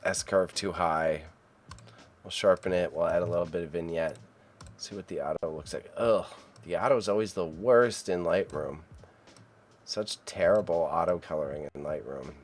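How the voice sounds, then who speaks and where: In a low voice at a moderate pace, a Canadian man in his thirties murmurs to himself over photo edits during a home livestream. Afterward he chats casually with his viewers.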